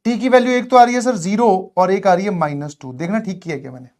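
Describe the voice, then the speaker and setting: A man's voice: high-pitched, quick pace, a little mellow. A man teaching math in a lecture, playful, acting out both sides of a dialogue with his students.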